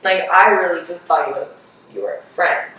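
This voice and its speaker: A woman's voice: fairly low pitch, a little fast, fairly bright tone. A young woman co-hosting a podcast in casual chat, emphatic and swearing as she rambles through her opinions. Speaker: podcast co-host. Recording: very echoey room, far from mic.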